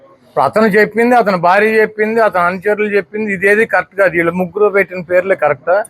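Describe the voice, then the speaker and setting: Man firing rhetorical questions, high-pitched. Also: fairly even intonation, fast, fairly bright tone. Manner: rhetorical, fires repeated questions. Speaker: politician speaking to the press. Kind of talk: combative press statement.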